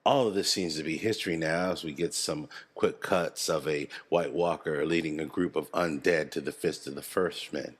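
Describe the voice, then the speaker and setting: Low-voiced man breaking down a show. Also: normal speed, hardly any pauses, breathy edge. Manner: animated, swears casually, chuckles. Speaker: video creator analyzing a TV series. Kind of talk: casual video commentary.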